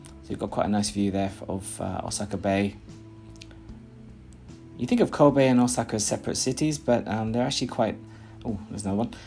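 In a small, plain room indoors, a British man in his thirties chats casually for a vlog and voice-over, rambling with plenty of "uh"s and restarts. His voice sits fairly low, with a brisk pace, some vocal fry and a mellow quality. Faint music plays behind him.

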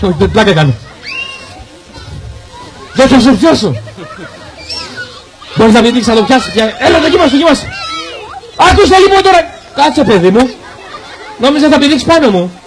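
A man performing a magic show for children at an outdoor carnival, with animated, teasing patter and calls to the crowd. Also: very high-pitched. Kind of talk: playful live show patter.

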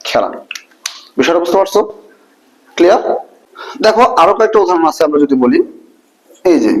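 A Bangladeshi man teaches a lesson in a fairly high voice. He drills the class, firing short questions and answering them himself over and over. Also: expressive, fast talker, poor audio. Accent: Bangladeshi Bengali.

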